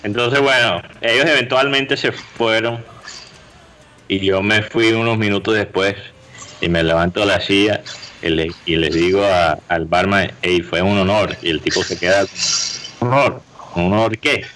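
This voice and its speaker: A man tells a story in a casual podcast chat. His low voice has a bright, forceful edge, and he throws himself into the voices of the people he describes. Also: moderate pace, rough recording. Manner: animated storyteller, acts out voices. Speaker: podcast co-host.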